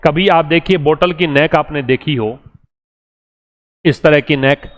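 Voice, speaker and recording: An Indian-accented man teaches English vocabulary, his fairly high voice running through lists of synonyms again and again like a drill. He slows down carefully whenever he reads an English example sentence. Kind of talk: vocabulary lesson.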